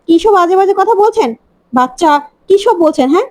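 A woman's voice: extremely high pitch, lively intonation, normal speed, darkish tone, dry recording, pitched above the performer's own voice. A woman reading the lines of a young husband who sternly and irritably denies the claims made against him. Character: man insisting he is someone else.

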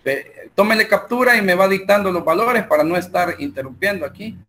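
A man's voice: high-pitched, slight background noise. A man with a Salvadoran Spanish accent teaching an online math class, walking through calculations and a spreadsheet step by step with frequent fillers. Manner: talks slowly while working through numbers and software, with many fillers.

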